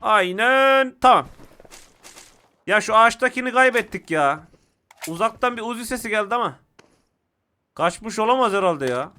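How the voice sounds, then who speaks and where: A young man giving excitable, casual commentary to viewers while playing a mobile shooter game. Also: high-pitched, moderate pace, pauses often, clear, resonant tone.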